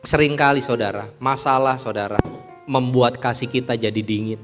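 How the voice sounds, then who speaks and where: A man preaching a sermon in a church, lively, asking the congregation questions and acting out everyday scenes. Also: mid-range voice, moderate pace, faint music behind.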